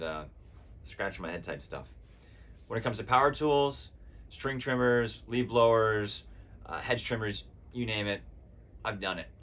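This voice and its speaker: A man's voice: fairly low pitch, a bit bright. An American man in his thirties talking casually and conversationally to camera in a laid-back, chatty, understated way. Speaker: actor on a self-tape audition. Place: indoors, in front of a plain wall.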